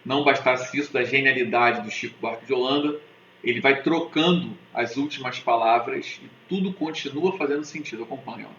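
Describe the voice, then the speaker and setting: A man's voice: mid-range voice, brisk, bright, forceful tone, a little hiss or hum. A man with a Brazilian Portuguese accent, teaching an online literature lesson in a chatty, jokey way, often checking in with his students. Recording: roomy, slightly dull sound with faint ambience.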